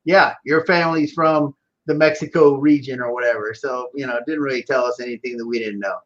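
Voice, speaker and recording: This interview guest, a Houston business owner with a Texas accent who grew up speaking Spanish, chats casually about where he comes from. The sound is lo-fi, and his mid-range, fairly bright voice moves a little fast.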